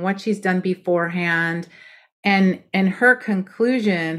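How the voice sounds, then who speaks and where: A woman book coach chatting as a podcast guest, emphatic and direct about how writing should be done. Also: medium pitch. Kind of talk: casual podcast conversation.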